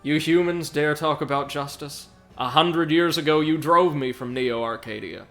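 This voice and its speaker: Gloating game tyrant, played by a man, theatrical and slowly menacing, sharp-edged voice over faint music. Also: fairly high pitch. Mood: scornful. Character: gloating male robot-empire villain, cruel, taunting, theatrical.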